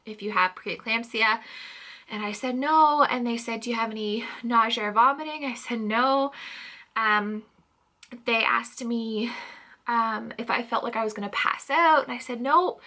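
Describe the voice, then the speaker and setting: A pregnant woman in her thirties from Canada talks through a casual home vlog update, short of breath between phrases. Her voice sits a little high and comes across sharp and bright. She chats freely, leaning on "um" fillers. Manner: chatty, frequent "um" fillers, light laughs. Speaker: vlogger.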